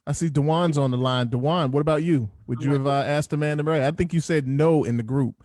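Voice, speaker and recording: Slightly high-voiced man hosting, very dry sound. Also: fast, a little mellow, dry recording. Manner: conversational, prompting others with questions. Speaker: host of a call-in discussion. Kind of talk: casual moderated discussion. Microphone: group call.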